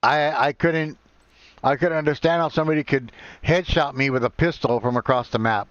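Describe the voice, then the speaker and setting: A man's voice: fairly high pitch, fairly bright tone, no room sound. Rambling man streaming, dull dry sound. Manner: rambling, halting, self-deprecating. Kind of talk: casual live-stream chat while gaming.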